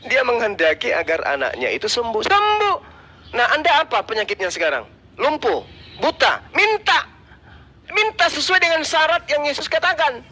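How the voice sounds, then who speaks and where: A man rebutting in a religious debate, lecturing in a forceful, dismissive way. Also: very high voice, wildly swooping pitch, a little fast.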